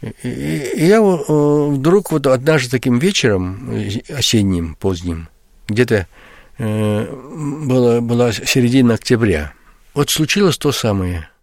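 An older man speaks as a guest on a radio interview. He talks haltingly, with many pauses and restarts. The sound is dry and close, at a medium pitch. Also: lively intonation, a little mellow, dry recording. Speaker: writer and guest.

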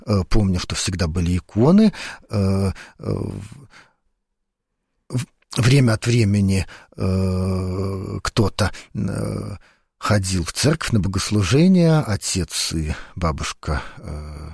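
A man's voice: low voice, lively intonation, takes it slowly, creaky, a little mellow, breathy edge, no room sound, studio quality. A man in his forties, a guest lecturer on a radio talk show, speaking thoughtfully with frequent fillers. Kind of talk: radio interview. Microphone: studio microphone.

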